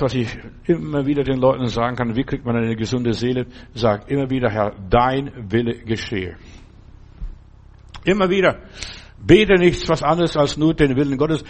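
A man's voice: on the high side, slightly rough. A man preaching a sermon, urging the listener directly and repeating his key phrases.

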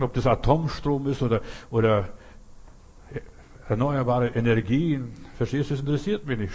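A man's voice: medium pitch, darkish tone, breathy edge. A man preaching a sermon, talking straight to his listener in short, emphatic, repeated phrases. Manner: earnest, direct address to listener.

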